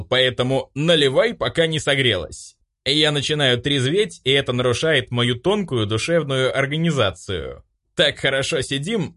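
A man's voice: medium pitch, fairly bright tone, voice pushed up. A man voicing a rowdy, cheeky drunk young man who slurs through boastful toasts.

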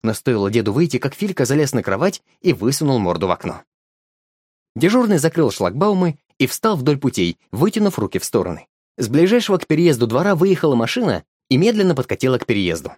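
A man narrating a storybook in a lively, expressive reading. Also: medium pitch, fast talker, slightly rough, no echo, studio quality.

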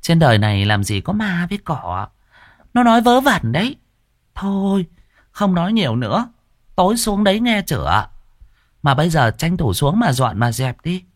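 A man doing a shrill, scheming lady of the house. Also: big pitch swings, normal speed, no echo, studio quality. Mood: bossy. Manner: shrill, coaxing and bossy. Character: scheming lustful rich woman, landowner's third wife.

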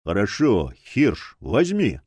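A man's voice: on the low side, huge pitch swings, takes it slowly, darkish tone, slightly rough, no room sound, pitched below the performer's own voice, exaggerated voice. A man voicing a smug adult male cult leader who gives orders and mocks others in an audiobook. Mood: commanding. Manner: mocking, smug.

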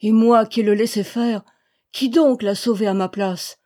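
A woman's voice: a little high, steady tone, unhurried, dark tone, lightly acted. A woman reading aloud, voicing an old male charcoal burner who speaks with fervent, pleading emphasis. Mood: exalted.

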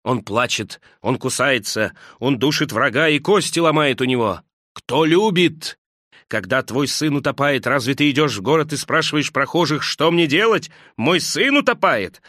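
A man's voice: mid-range voice, lively intonation, normal speed, no echo, clean studio sound. A man voicing Judas, a bitter, furious male disciple who hurls impassioned, scornful accusations. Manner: impassioned, scornful, rising to shouts.

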